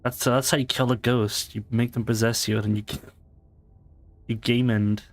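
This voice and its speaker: Male co-streamer, mid-pitched, loose casual banter, halting and stammering delivery. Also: flat delivery. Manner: hesitant, stammering, repeats words. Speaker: streamer's co-player. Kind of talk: casual chat during a game.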